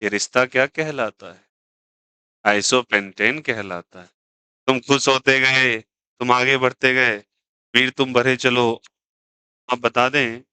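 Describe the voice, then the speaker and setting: A man teaching chemistry in a lively, teasing classroom lecture, joking and pushing students to answer. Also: mid-range voice, slow, pauses often, smooth, no room sound, rough recording.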